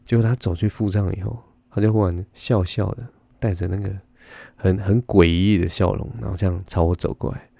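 Gravelly low-voiced man, rambling. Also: fairly even intonation, a little fast, warm tone, no echo. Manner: rambling, laughs often, many restarts. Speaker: podcast host and stand-up comic. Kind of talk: casual storytelling monologue.

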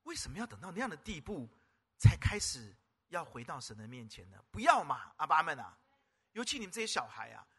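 A man preaching, his voice riding high and swinging widely in pitch. He has a very bright, piercing edge and keeps pressing the congregation with rhetorical questions. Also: husky. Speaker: pastor. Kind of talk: lively sermon. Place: church service.

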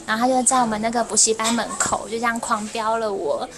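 A woman, a former cram-school teacher, telling animated stories on a podcast and laughing often. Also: fast, poor audio. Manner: animated, laughs often, acts out quotes in a shrill voice. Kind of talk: casual podcast storytelling.

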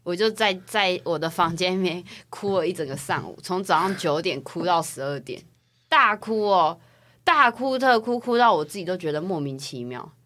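A young woman from Taiwan, co-hosting a casual podcast chat and telling personal stories in a chatty, animated way. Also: fairly low pitch, normal speed. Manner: chatty, animated storytelling with rising excitement. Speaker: podcast co-host.

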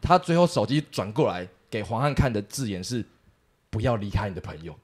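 Animated fast-talking man. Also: on the low side. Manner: animated, mimics people in the story, swears. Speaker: podcast co-host. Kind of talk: casual storytelling chat.

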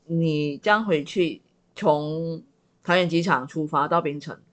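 A woman's voice: sits low, unhurried. A woman co-hosting a casual podcast chat, asking questions and often chiming in with short interjections. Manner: frequent short backchannels and interjections. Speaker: podcast co-host.

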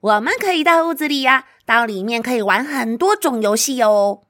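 A woman's voice: fairly high pitch, lively intonation, moderate pace, a bit bright, no echo, clean studio sound, pitched above the performer's own voice. A woman voicing an eager antelope who organizes the game in a children's storybook, explaining things in an instructive way.

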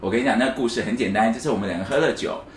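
A man with a mid-range voice talks very fast, acting out the quoted lines as he tells a story while co-hosting a casual podcast chat. The room is echoey, with a faint hiss underneath.

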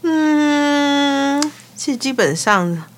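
A woman's voice: medium pitch, normal speed. A woman with a Taiwanese Mandarin accent, co-hosting a podcast and telling stories playfully in casual chat. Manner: lively, playful storyteller. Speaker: podcast co-host.

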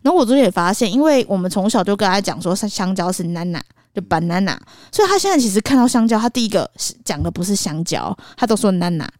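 Quick, lively mother chatting. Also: mid-range voice, no echo, studio quality. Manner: quick and explanatory, acts out playful scenes. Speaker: podcast co-host, mother. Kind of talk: casual chat.

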